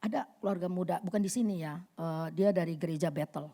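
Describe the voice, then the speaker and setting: Lively middle-aged woman giving a sermon. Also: brisk. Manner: lively storytelling, acts out voices with big pitch jumps. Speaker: women's fellowship speaker. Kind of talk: casual sermon with acted anecdotes.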